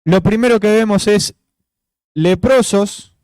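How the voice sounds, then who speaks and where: A man's voice: high voice, slow, a little mellow, no echo. A man preaching an informal sermon, full of rhetorical questions and fillers. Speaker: pastor. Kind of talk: conversational sermon.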